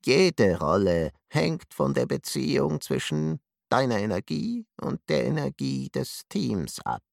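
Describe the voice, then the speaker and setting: A man voicing a calm priest who hands out hidden knowledge, in a solemn, instructive manner for an audiobook. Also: mid-range voice, measured pace, creaky, dry recording, clean studio sound, pitched above the performer's own voice, heavily acted. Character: calm male priest, keeper of secret knowledge. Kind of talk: audiobook narration.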